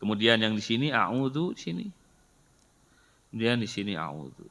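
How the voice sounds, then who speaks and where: A man's voice: on the low side, big pitch swings, moderate pace, gravelly, a bit bright. A middle-aged man, giving a Quran study lesson and patiently explaining with rhetorical questions. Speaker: Quran teacher. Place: mosque hall. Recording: reverberant hall sound.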